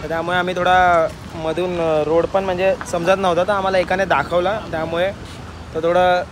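A man's voice: high voice, little pitch movement, moderate pace, background noise. A young man in his twenties chatting casually to viewers in a travel vlog, filmed on a phone held at arm's length outdoors. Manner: chatty, addresses viewers as brothers. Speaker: vlogger. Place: outdoors on a roadside and at a cafe.

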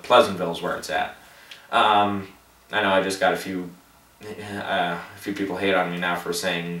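A man's voice: on the low side, fairly bright tone. A man chatting casually about movies, tired late at night, rambling with lots of fillers and laughing at himself. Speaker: box office prediction vlogger. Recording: roomy echo, distant from the mic.

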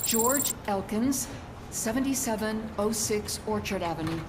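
A woman's voice: medium pitch, lively intonation, unhurried, background noise, natural voice. Woman playing a distraught, pleading mother. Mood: anxious, pleading. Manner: pleading, anxious. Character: distraught middle-aged mother pleading for missing son.

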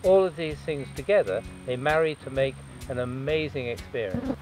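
A man, a birdwatching journalist, answering interview questions outdoors on a lakeside lawn in a measured, enthusiastic way. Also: medium pitch, over music, rough recording.

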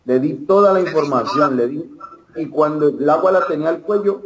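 A man's voice: fairly high pitch, brisk, noisy background. A man in an online meeting eagerly telling his own story to the minister, calling him brother. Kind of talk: casual testimony. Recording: echoey room.

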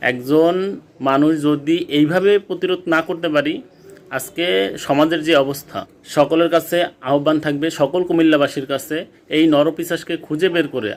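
A man's voice: a little high, a bit bright. Indignant man with a raised voice. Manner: urgent, indignant, exhorting. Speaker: vlogger. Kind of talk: impassioned public appeal.

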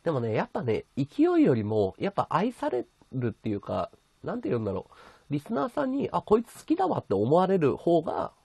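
A man's voice: mid-range voice, wildly swooping pitch, fairly quick, vocal fry, a little mellow, slightly rough, no echo. A man hosting a casual livestream from his bedroom, chatting and thanking his viewers as he reads their comments. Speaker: livestream host. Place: bedroom at home.

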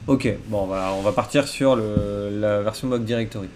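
A man's voice: lowish voice, moderate pace, darkish tone, slight background noise. A man live coding and thinking aloud, muttering to himself in a casual, self-deprecating way. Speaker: coding streamer. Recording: faint keyboard typing behind.

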